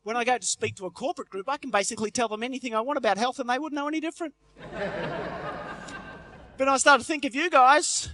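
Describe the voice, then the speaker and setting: Aussie guy, middle-aged, on stage telling jokey stories, pretty high voice, dry close sound. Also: fast, pauses often, pushed and bright, no room sound. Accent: Australian. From Australia. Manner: jokey storytelling, punchy delivery. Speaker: motivational health speaker. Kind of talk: live conference speech. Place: large convention hall stage.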